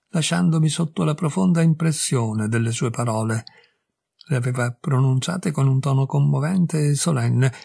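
A man reading a classic short story aloud as narrator, in a measured, steady storytelling manner. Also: medium pitch, creaky, slightly rough, no echo, studio quality.

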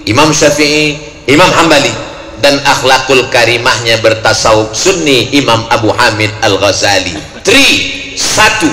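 A man from Riau, Sumatra, preaching a lively sermon to a crowd. He jokes, acts out quoted voices and breaks into sudden shouts. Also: fairly high pitch. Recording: echoey hall with long reverb, faint noise.

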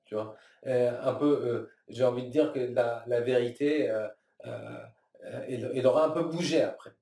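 A man's voice: mid-range voice, mellow. A man in his thirties from Iran, a filmmaker answering interview questions thoughtfully, with many restarts and fillers. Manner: thoughtful, halting, many restarts and fillers, gestures with both hands. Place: small room, seated at a table. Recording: roomy, slightly distant sound.

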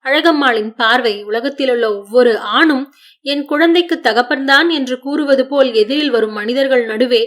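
A woman narrating an audiobook short story in a measured, expressive storytelling manner. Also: high-pitched.

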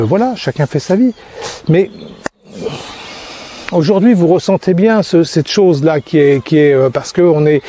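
Walking outdoors in a park, a French crêpe-making trainer in his sixties chats vlog-style to the phone he holds out at arm's length for a selfie shot. His pitch is fairly high with a dark tone, and a little hiss or hum runs under the recording. He rambles, restarting often and leaning on fillers.

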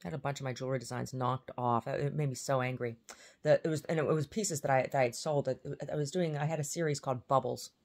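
A woman's voice: a bass voice, steady tone, fast, darkish tone. A woman vlogging in a casual, rambling way, often trailing off and restarting her sentences.

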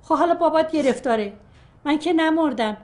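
A woman's voice: high voice, background noise, natural voice. An actress as a doting grandmother. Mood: consoling. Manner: doting, soothing, affectionate endearments. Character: doting older grandmother, tender and fussing. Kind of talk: film acting.

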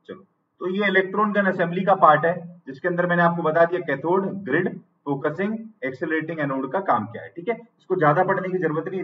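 A male teacher with an Indian English accent giving an online exam-prep lecture. He dictates notes slowly, repeats phrases, and asks and answers his own questions. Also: high voice, recorded from a distance, highs cut off, a little hiss or hum.

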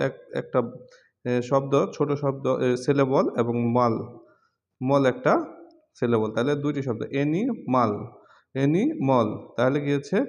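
A man with a Bangladeshi accent teaching an English pronunciation lesson, repeating example words slowly. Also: medium pitch. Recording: long hall reverb.

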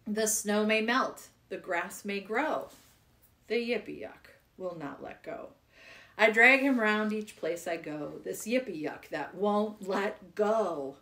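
A woman's voice: mid-range voice, takes it slowly, fairly bright tone. A woman reading children's poems aloud in a playful, giggly way. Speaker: poetry reader.

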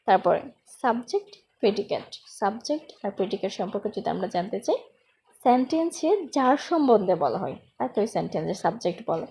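A woman teaching a spoken English grammar lesson. She explains step by step and slows down to say each English example with care. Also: medium pitch, very animated, vocal fry, dark tone, slight background noise.

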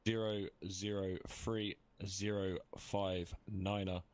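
A man's voice: low-pitched, level tone, takes it slowly, a little mellow. A man speaking as a commander in a military game, hesitant and procedural. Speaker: player acting as platoon commander.

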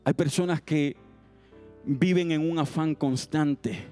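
A man's voice: on the high side, takes it slowly, a little mellow, soft background music. A man preaching a youth service sermon. He repeats his exhortations in an earnest, rising cadence.

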